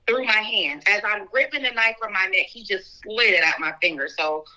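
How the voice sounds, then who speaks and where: A woman guest in an interview telling a personal story in an earnest, fast way, full of "like" and "so". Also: medium pitch, sharp tone, low-quality recording. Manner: earnest, talks fast with frequent "like" and "so".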